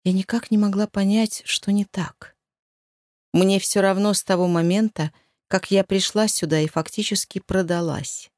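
A woman narrating a first-person novel as an audiobook in a steady, emotive storytelling manner. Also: medium pitch, normal speed, no room sound, studio quality.

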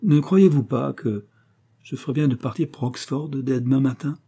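A man reading aloud, voicing a lovestruck young gentleman who speaks in an ardent, pedantic way. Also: mid-range voice, normal speed, breathy edge, pitched above the performer's own voice.

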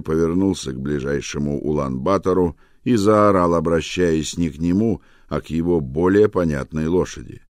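A man narrating an audiobook with an even, measured delivery. His voice is very low and deep. The recording is close and dry, with no room sound. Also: no room sound. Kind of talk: scripted narration.

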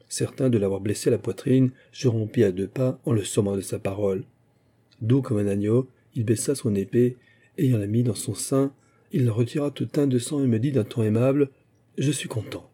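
Male narrator, memoir audiobook, measured delivery, husky and very dark tone. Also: medium pitch. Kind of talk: literary audiobook reading, first-person memoir.

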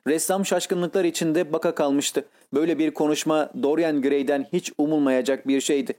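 A male audiobook narrator reads a classic novel in a measured, literary manner. His voice is mellow and warm and sits a little high. He takes his time over each sentence. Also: fairly even intonation. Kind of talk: scripted narration.

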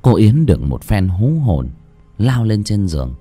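A man narrating a horror story in a dramatic, expressive way. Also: lowish voice, unhurried, husky, soft background music.

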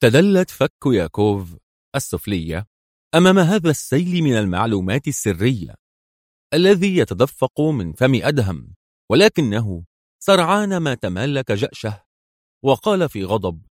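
A man narrating a spy story aloud in an expressive, dramatic audiobook style. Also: mid-range voice, normal speed, no echo, clean studio sound.

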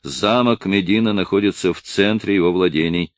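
A man's voice: low-pitched, normal speed, no room sound, natural voice. A man voicing a poor but proud old father who speaks sternly and with indignation.

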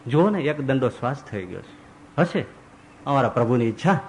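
A preacher voicing an old devout father who speaks quietly and with resignation. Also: sing-song, moderate pace, slight background noise. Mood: resigned. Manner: low, subdued.

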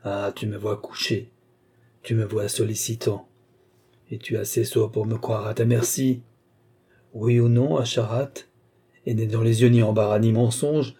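A man's voice: on the low side, steady tone, normal speed, mellow, breathy edge. A man voicing a frail, bedridden, tyrannical old male alchemist in an audiobook, imperious and scornful. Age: older. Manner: imperious, scornful, rising to fierce outbursts. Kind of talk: audiobook character reading.

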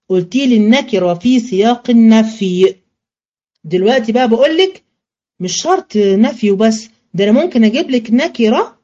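A woman teacher with an Egyptian accent giving a religious studies lesson in colloquial Arabic, asking questions and answering them herself, and slowing to a chant when she recites verses. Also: fairly high pitch, mellow, lo-fi sound.

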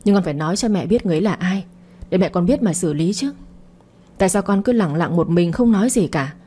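A worried middle-aged mother from an audio story, firing questions in a scolding tone, voiced by a woman narrator. Her voice is mellow and slightly breathy, with a soft husk. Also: fairly low pitch, expressive, fast talker. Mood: demanding.

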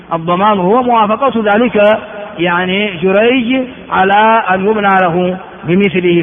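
A man from Ethiopia giving a classroom lecture on religious texts, repeating words and asking rhetorical questions of his students. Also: high voice. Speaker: religious teacher. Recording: phone-like sound in an echoey hall.

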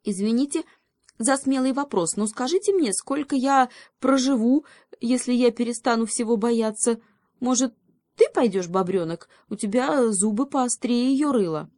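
Woman putting on a scared little hare voice, high and whiny, storybook. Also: normal speed, warm tone, dry recording, studio quality, natural voice. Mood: timid. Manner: plaintive, hesitant. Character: timid little male hare, fearful and pleading.

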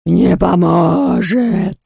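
A woman voicing a boastful, spiteful icy ghost, stretching every word into a drawn-out howl. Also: lowish voice, creaky, mellow, husky, no room sound, studio quality, exaggerated voice. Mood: menacing. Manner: drawn-out, howling delivery.

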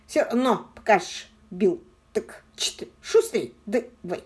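A woman's voice: medium pitch, slow, darkish tone, slightly rough. A woman voicing a tough young female detective who barks short, slangy orders. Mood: shouting. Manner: brusque, barking, slangy.

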